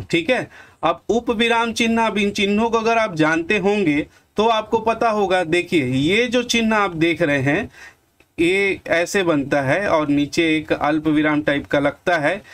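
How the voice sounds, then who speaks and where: A man's voice: sits high, fairly bright tone. A man with a Chhattisgarhi accent teaching an exam-prep lesson, calling viewers friends and answering his own questions. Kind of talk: online lesson with examples.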